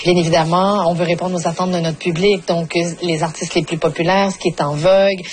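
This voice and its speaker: A woman, a comedy festival programmer giving measured interview answers and leaning on stock phrases. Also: on the low side, steady tone, a little hiss or hum. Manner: measured, repeats set phrases.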